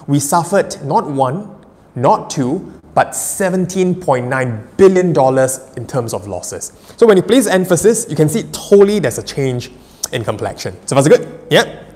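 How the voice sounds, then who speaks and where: A man, an energetic, emphatic public speaking coach answering live questions and laughing often. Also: medium pitch, in a large hall. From Singapore. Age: 30s.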